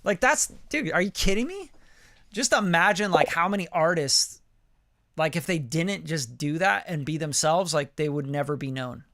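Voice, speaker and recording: A man in his late thirties giving a casual live song critique as a music producer, animated and profane, full of "like" and "you know.". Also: fairly high pitch, normal speed, no room sound. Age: late 30s. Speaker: music producer reviewing listener songs.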